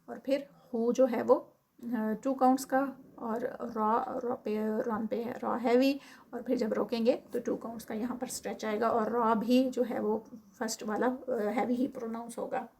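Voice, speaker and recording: A recitation teacher with a Pakistani Urdu accent and a slightly high voice. She chants each word slowly and stretches the vowels, then drops into quick, quiet explanation. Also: flat delivery, vocal fry, breathy edge. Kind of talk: tajweed lesson, explaining and reciting.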